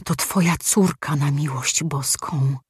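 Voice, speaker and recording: A woman's voice: low voice, slow, husky, no room sound, clean studio sound, exaggerated voice. A woman voicing a confused, frightened old man haunted by wartime memories, speaking in fearful, half-whispered mutters.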